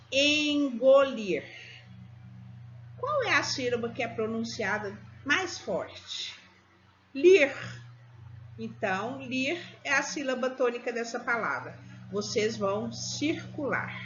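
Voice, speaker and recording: A woman teaching young children in a recorded remote lesson, patient and slow as she walks through each example. Her voice is bright and sits a little high. The recording is dull and lo-fi, with faint hiss and room ambience behind her. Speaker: primary school teacher.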